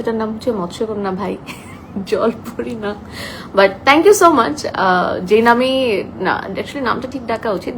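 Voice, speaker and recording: A soft-spoken young woman chatting casually on a live stream, reading out viewer comments and mixing English into her talk. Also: fairly high pitch, a little hiss or hum, poor audio.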